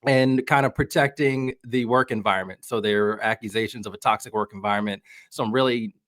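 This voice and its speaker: An American soccer journalist, guesting on a podcast, offers wry, informal sports commentary in a conversational style. His voice is lowish and fairly bright, a little fast, with no echo.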